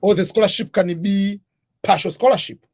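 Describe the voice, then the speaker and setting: A man's voice: high voice, moderate pace, darkish tone. Methodical man explaining step by step. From Tanzania. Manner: methodical, breaks topics into numbered points. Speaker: guest, scholarship advisor. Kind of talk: explanatory interview talk.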